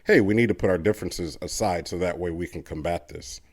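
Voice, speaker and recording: A man's voice: sits low, a little fast, slightly rough, dry recording. A man co-hosting a podcast, talking earnestly in a casual, rambling way and often restarting his sentences. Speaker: podcast co-host. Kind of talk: casual conversation.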